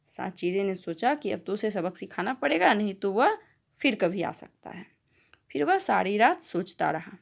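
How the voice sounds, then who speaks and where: A woman teacher speaks patiently to young children in a recorded lesson, sounding out each word slowly. She keeps checking that her pupils follow along. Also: medium pitch, vocal fry. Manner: slow, patient explanation with frequent checks like "है ना?". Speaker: primary school teacher.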